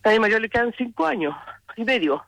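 A woman's voice: a little high, expressive, brisk, gravelly, fairly bright tone, no room sound, poor audio. A Chilean woman calling in, telling her situation hesitantly and repeating words. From southern Chile. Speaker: caller. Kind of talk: phone-in testimony.

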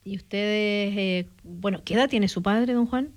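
A woman's voice: mid-range voice, unhurried. A woman hosting a radio call-in interview, speaking to callers in a familiar, caring way. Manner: warm, addresses callers familiarly. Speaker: radio host.

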